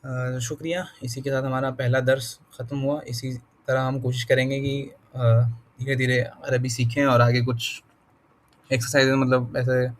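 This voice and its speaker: A man reading through a beginner Arabic lesson and explaining each word, thinking aloud with pauses and fillers, slowing to sound out words and mixing in English terms. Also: mid-range voice, level tone, a little hiss or hum. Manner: mixes English words into his talk. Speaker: self-taught Arabic learner teaching.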